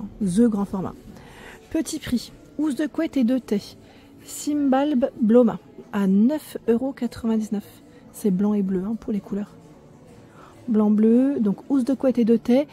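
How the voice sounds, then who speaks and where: A woman from France casually vlogs her stroll through a large furniture store, her voice medium-pitched and warm. As a shopping vlogger, she chats along, reads prices out loud, and trips over product names in this relaxed store walkthrough.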